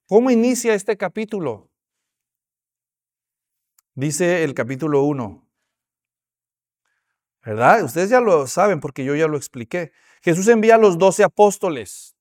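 A man preaching a sermon as a pastor, telling the story with animated, acted-out voices. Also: high voice.

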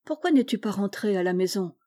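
Brief: sweet worried little sister, soft and mellow, read by a woman. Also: medium pitch, lively intonation, brisk, dry recording, clean studio sound, natural voice. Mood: concerned. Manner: soft, concerned. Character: gentle, kind little girl, younger sister.

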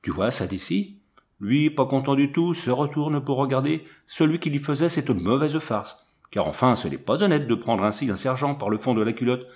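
A man's voice: medium pitch, expressive, normal speed, natural voice. A man reading an audiobook and voicing a plain-spoken, drily skeptical young French soldier. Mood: storytelling. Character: earthy, wary young male French soldier.

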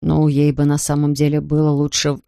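Narrator voicing a doctor, calm, measured, matter-of-fact, dry sound. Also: medium pitch, vocal fry, clear, resonant tone, dry recording, pitched below the performer's own voice, natural voice.

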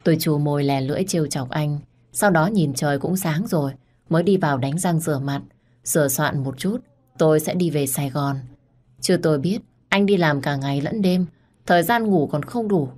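A woman narrating a first-person audio story in a calm, intimate manner. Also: low voice, moderate pace.

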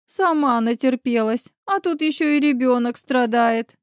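A woman's voice: high voice, unhurried, dry recording, clean studio sound, voice pushed up. A woman voicing a scheming middle-aged aunt who talks in a silky, coaxing, sly way, in an audiobook.

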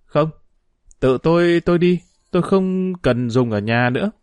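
A man's voice: on the high side, lively intonation, a little slow, a little mellow, smooth, no echo. A man voicing a stubborn, tearful poor young boy who talks back defiantly in a raised voice.

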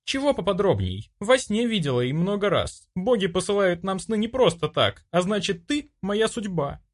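Man voicing a young woman, high voice, lively pitch, bossy, self-assured, audiobook figure. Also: normal speed. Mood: insistent. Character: brash young woman, priest's daughter.

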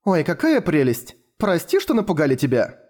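A man's voice: fairly high pitch, huge pitch swings, normal speed, a little mellow, voice pushed up. A man voicing a cheerful, apologetic middle-aged mother in an audiobook. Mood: delighted.

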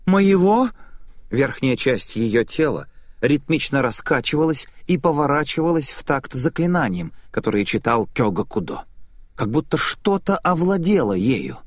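A man's voice: mid-range voice, dry recording. A man narrating a tense first-person story as an audiobook reading.

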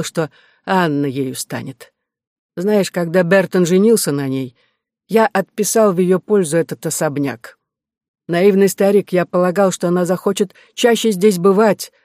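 A man reading the part of a lonely, humorous old widowed uncle in an audiobook, in a reminiscing, gently teasing manner. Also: sits high, no echo, clean studio sound.

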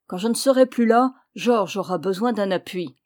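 A woman reading the lines of a stern old male nobleman in an audiobook, slow and solemn. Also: medium pitch, a little mellow, close to an everyday voice.

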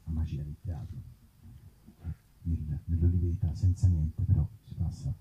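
With a rumbling low voice and level tone, a man speaks at a moderate pace while presenting his own book at an outdoor festival set in an olive grove. He's an author and actor, and his informal talk is wry and self-deprecating. The audio is dull, with a noisy background.

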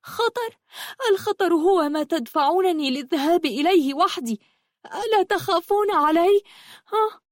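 A woman voicing a stubborn, frightened teenage girl who cries out in high, pleading and defiant bursts in an audiobook. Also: expressive, moderate pace, a little mellow, dry recording, clean studio sound. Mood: angry. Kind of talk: audiobook storytelling.

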